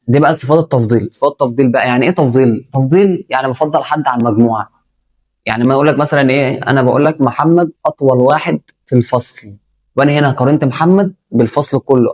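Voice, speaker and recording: A man's voice: medium pitch, darkish tone. A man with an Egyptian Arabic accent teaching an English grammar lesson, talking straight to the student and repeating key points.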